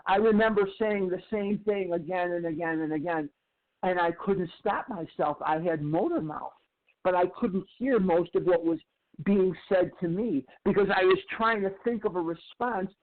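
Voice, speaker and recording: Man in his sixties, fairly high voice, emphatic candid storytelling, narrow tinny phone-like sound. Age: 60s. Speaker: recovery speaker. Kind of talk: personal recovery share.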